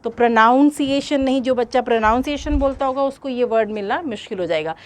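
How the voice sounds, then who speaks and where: Lady teacher, high voice, explains exam questions step by step to students. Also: lively intonation, fast talker. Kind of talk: exam-prep lesson in Hindi-English mix.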